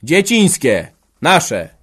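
A man voicing a hot-blooded young peasant son who stubbornly shouts back at his father. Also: fairly high pitch, wildly swooping pitch, drawn-out words, slightly rough, voice pushed up, heavily acted. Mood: defiant shouting.

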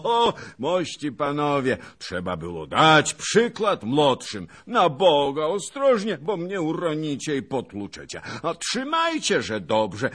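A man voicing a boastful old nobleman who crows and shouts in triumph, in a storybook reading. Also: a little high, pitched above the performer's own voice, full character voice. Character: boastful old nobleman, red and sweaty, crowing.

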